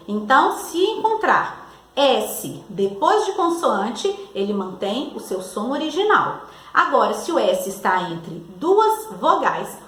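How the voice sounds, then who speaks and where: Woman teacher with a Brazilian accent, high lively voice, slow and sing-song, echoey room. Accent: Brazilian Portuguese. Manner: slow, sing-song teacher talk, drawing out each word. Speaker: primary school teacher. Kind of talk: recorded remote class for third graders. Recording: echoey room with faint noise.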